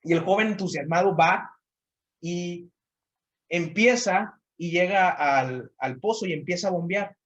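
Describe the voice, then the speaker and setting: A man's voice: high-pitched, a little slow, fairly bright tone, highs cut off. A man, a motivational trainer, telling a story with many repeated phrases and speaking directly to the listener.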